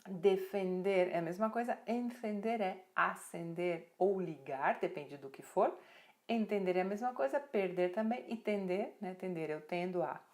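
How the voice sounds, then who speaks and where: Woman teaching Spanish verbs. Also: mid-range voice. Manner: lively, repeats verb forms slowly, many tag questions. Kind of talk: explaining grammar to learners.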